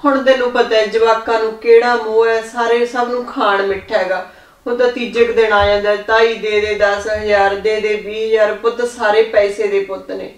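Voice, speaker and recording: A tearful older village mother , played by a woman, grieving and alone. She speaks in an even, droning tone. Her voice comes from a distance in a reverberant room. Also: mid-range voice, moderate pace, close to an everyday voice. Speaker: widowed mother. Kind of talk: village drama acting. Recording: echoey room, voice off-mic.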